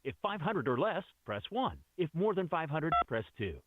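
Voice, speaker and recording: A man's voice: a little high, big pitch swings, moderate pace, dry recording. A man's voice on a recorded phone message, reading scripted promotional prompts in an upbeat, sing-song way. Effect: recorded phone message, robocall. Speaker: automated sales call voice. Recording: tinny phone line with faint hiss.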